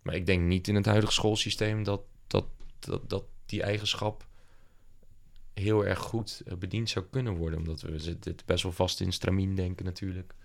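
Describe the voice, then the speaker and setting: A man's voice: deep voice, fairly even intonation, normal speed, creaky. A young man, an entrepreneur, talking casually in an interview and often hesitating with fillers and restarts. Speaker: entrepreneur guest.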